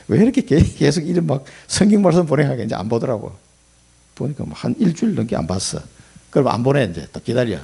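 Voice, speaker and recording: A middle-aged male pastor preaching a sermon in an emphatic, folksy way, swinging between loud and soft. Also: on the high side, creaky, breathy edge.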